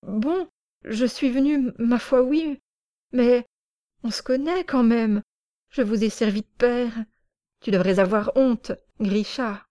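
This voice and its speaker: A woman plays a humble, wounded older villager in a storybook reading, pleading and reproachful. The voice rises above the narrator's low tone. The sound is dry and close. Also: slow, warm tone, no echo.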